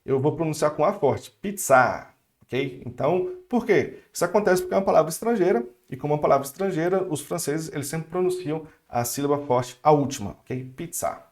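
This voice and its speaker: A young Brazilian man gives a relaxed online French lesson in a chatty, upbeat way, full of friendly asides and quick restarts. He speaks with a Brazilian Portuguese accent. His voice sits a little high for a man. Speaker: French teacher. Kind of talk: casual online language lesson.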